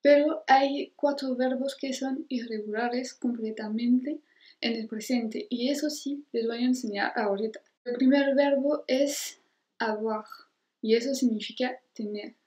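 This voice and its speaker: French lady teaching verbs real slow, kinda high voice, echoey room. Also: fairly even intonation, dark tone. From France. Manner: slow, careful modeling of French conjugations. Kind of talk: language lesson.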